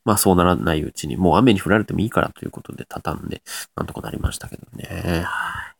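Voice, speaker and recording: A man's voice: fast, creaky, dry recording, whispered. A young man with a Nagoya accent hosting a casual solo talk show, chatting and trying out dialect phrases. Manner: chatty, tries out dialect phrases with lively pitch jumps. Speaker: radio-style podcast host.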